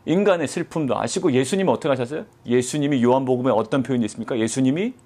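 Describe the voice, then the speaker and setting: A man's voice: medium pitch, racing, mellow. Guy pastor preaching, lots of rhetorical questions, drags out the big words. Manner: rhetorical questions, quoting God in a mock-gruff voice. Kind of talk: sermon.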